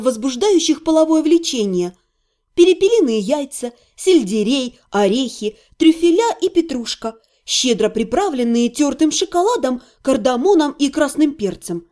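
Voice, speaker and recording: Expressive woman reading a novel aloud. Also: high-pitched. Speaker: audiobook narrator.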